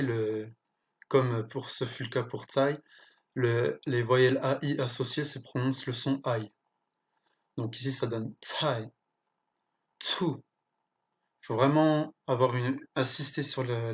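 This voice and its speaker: A teacher slowly explaining pronunciation, pausing often and correcting small slips along the way. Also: mid-range voice, fairly even intonation. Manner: slow, careful explanation with pauses and self-corrections. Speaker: language teacher.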